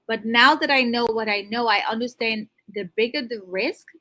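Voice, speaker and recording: A woman's voice: on the high side, normal speed, bright, forceful tone. A woman in natural, unscripted interview talk, giving emphatic, motivational advice straight to the listener as a financial coach. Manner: natural unscripted talk, restarts mid-thought.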